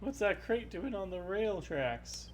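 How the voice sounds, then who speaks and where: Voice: medium pitch, lively intonation, a little slow, slight background noise, voice pushed up, natural voice. A performer voicing a chatty, helpful old prospector miner with a folksy drawl, reading video game dialogue.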